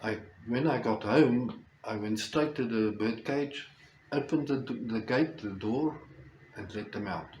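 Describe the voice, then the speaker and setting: An older man with a South African accent and Afrikaans as his first language, telling a personal story reflectively with halting, deliberate phrasing. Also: mid-range voice, a little mellow. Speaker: storyteller, host. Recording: roomy echo with faint background noise.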